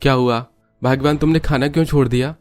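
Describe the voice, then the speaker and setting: A man's voice: mid-range voice, steady tone, brisk, darkish tone, no echo, faint music behind, lightly acted. Man doing a poor woodcutter, humble pleading voice, storybook acting, dry close sound. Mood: worried. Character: poor weary male woodcutter, family father.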